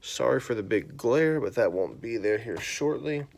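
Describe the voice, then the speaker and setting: Hosting a bedtime story livestream, a man in his thirties chats in a relaxed, rambling way, full of fillers, before moving on to reading aloud. His voice is mid-range and gravelly, at a moderate pace.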